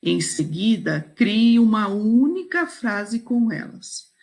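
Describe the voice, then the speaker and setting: A woman's voice: mid-range voice, very animated, takes it slowly, creaky, a little mellow. A woman teacher leading a video lesson, patiently walking students through exercises and checking in often with "ok?" and "certo?".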